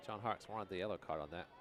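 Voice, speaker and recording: A man's voice: deep voice, normal speed, fairly bright tone. A man giving conversational analysis as color commentator on a live soccer match. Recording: outdoor stadium noise behind. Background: outdoor stadium ambience.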